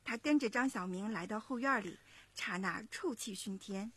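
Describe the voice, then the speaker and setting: A woman in her thirties, a mother, narrating a children's story in an expressive, measured way. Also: medium pitch, slightly rough, no room sound. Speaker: parent storyteller.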